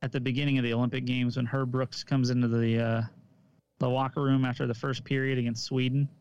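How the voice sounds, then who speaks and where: Smooth-voiced man, dull dry recording. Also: medium pitch, little pitch movement, a little fast, darkish tone. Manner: easygoing, hedging, fills with "like" and "um". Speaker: podcast co-host and coach. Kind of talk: casual chat.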